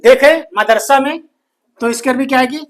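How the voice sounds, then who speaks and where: A man teaching a grammar lesson, slowly repeating each phrase and answering his own questions. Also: extremely high pitch. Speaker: Arabic teacher.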